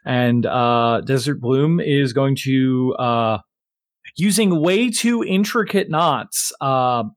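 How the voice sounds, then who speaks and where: Male game master, medium pitch, improvising tabletop scenes haltingly, very dry sound. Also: no room sound. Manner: halting, searching for words.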